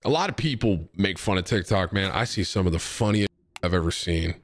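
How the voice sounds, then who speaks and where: A young man from Syracuse, New York, hosting a stream in casual, animated chat: he reacts to clips and reads donations, says bro and man a lot, and swears. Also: low voice, fairly quick. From Syracuse, New York, USA. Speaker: streamer and host.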